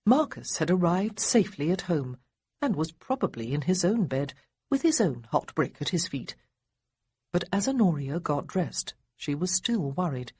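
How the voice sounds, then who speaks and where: A woman narrating a historical romance audiobook in an expressive storytelling manner. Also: low voice, normal speed, husky. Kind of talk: scripted narration.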